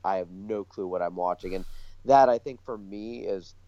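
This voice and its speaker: A podcast co-host chats casually in hesitant, halting phrases, his mellow voice sitting low at a moderate pace. The recording is dull and lo-fi, with a roomy echo.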